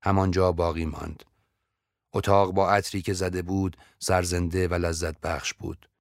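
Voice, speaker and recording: A man narrating a story in a steady, measured audiobook reading. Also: sits low, dry recording, studio quality.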